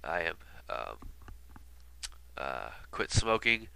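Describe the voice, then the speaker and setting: Gravelly and rumbling low, this man's voice swings widely in pitch as he talks slowly, with a bright, forceful, resonant and clear tone. Sick and stuffy-nosed, he's a video commentator casually rambling about an album in retrospect, piling on fillers and asides. No room echo colors the recording.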